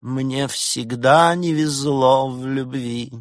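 A high, mournful fox lover. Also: male voice, unhurried, fairly bright tone, dry recording, studio quality. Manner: mournful, melodramatic, deadened. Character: lovelorn tragic male fox actor.

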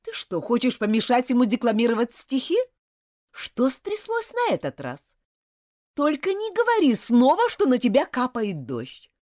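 A stern mademoiselle who scolds a pupil in loud, cutting bursts and sometimes slows down to press her point, as a woman reading a storybook puts her on. Her pitch swings widely through each outburst. The recording is dry and close. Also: huge pitch swings, no echo. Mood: scolding. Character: strict, quick-tempered female French schoolteacher. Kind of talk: audiobook character voice.

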